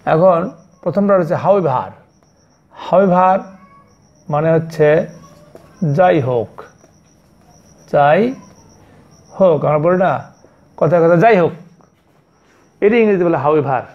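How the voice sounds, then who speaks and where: A male primary school teacher with a Bangladeshi accent, giving a slow classroom lesson and spelling out words letter by letter. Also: a little high, expressive, muffled recording. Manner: spells words letter by letter, repeats each meaning several times.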